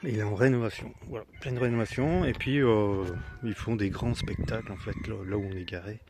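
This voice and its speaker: A man vlogging casually outdoors in the mountains, exclaiming at the scenery and sometimes talking softly in the early morning. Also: on the low side, a little fast, noisy background. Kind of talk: casual vlog narration.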